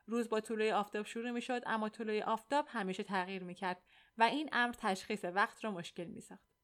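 A woman reading a novel aloud in the first person, in a steady, measured storytelling voice. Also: medium pitch. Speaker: audiobook narrator.

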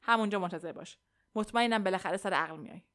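A woman doing the voice of a commanding older army colonel in an audiobook. He speaks firmly and with authority, giving orders louder than her narration. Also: mid-range voice, close to an everyday voice. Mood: stern. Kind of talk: audiobook character voice.

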